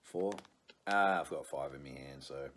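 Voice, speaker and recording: A middle-aged man chatting casually to a camera on the table while eating sour candy, pausing and reacting as he tastes. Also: rumbling low, a bit bright. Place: small room indoors. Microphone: camera on the table in front. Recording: clear background noise, crinkling wrappers.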